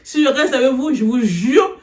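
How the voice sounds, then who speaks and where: A woman telling a personal story in a casual, animated way, often laughing as she talks. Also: high-pitched, moderate pace. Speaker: vlogger. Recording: echoey room.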